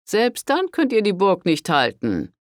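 A man voicing a stern, scheming older priest who speaks slowly and haughtily in an audiobook. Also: high-pitched, wildly swooping pitch, no echo, studio quality, voice pushed up, exaggerated voice. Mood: smooth. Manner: severe, slow and haughty.

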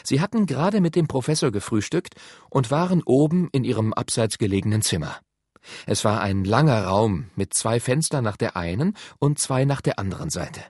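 A man narrating an audiobook in an expressive storytelling manner. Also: mid-range voice, normal speed, slightly rough, dry recording, studio quality. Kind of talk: scripted narration.

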